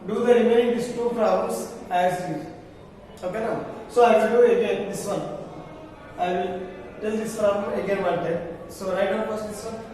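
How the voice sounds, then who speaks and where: High-pitched Indian male maths teacher, very echoey. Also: normal speed, darkish tone. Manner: repetitive step-by-step dictating, stretching key phrases; prompts listeners with questions ending in "sir". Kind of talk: classroom maths lesson. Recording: very echoey room, distant mic, faint noise.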